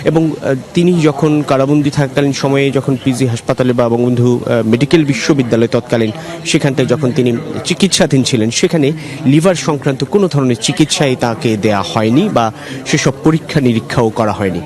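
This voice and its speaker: A man giving a live field news report from an outdoor plaza, measured and steady, pausing with frequent filler sounds. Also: medium pitch, crowd noise. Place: outdoor plaza at a public event.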